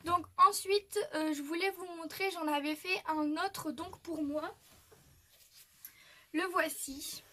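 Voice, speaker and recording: A woman's voice: very high-pitched, fairly even intonation, slow, bright, forceful tone. A young woman from France chatting through a craft tutorial, full of fillers and little restarts. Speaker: craft youtuber.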